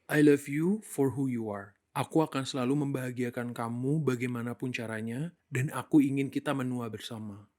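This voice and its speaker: A man plays a tender young lover with a mid-range voice, neither high nor low. He speaks softly and without hurry, gently reassuring the woman he loves. English phrases slip into his lines. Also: moderate pace, natural voice.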